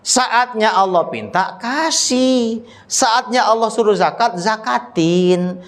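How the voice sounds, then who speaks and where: Preacher man, high voice, chatty and joking with the congregation, slow Arabic recitation. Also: fairly bright tone. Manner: recites Arabic verses slowly. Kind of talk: casual religious study sermon.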